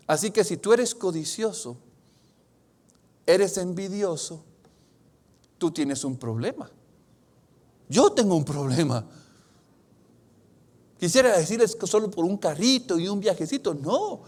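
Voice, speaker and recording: A man preaching a sermon, earnest and confessional, swinging between loud emphatic bursts and hushed, drawn-out phrases as he reads scripture. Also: sits high, very animated. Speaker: pastor.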